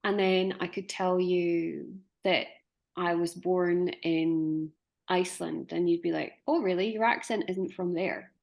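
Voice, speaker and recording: A woman's voice: lowish voice, fairly even intonation, a little slow, gravelly, darkish tone. A woman in her forties hosting a conversation, musing and hesitant as she poses questions. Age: 40s. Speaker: podcast host. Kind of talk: conversational discussion.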